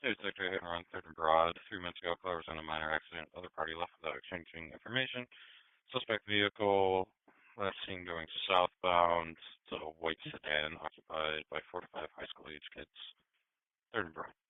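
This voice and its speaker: A man with a deep, clear voice relays emergency calls as a dispatcher. He is clipped and procedural over a dry, narrow-band radio. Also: steady tone, fairly quick, no room sound. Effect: two-way radio. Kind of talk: police and fire radio dispatch.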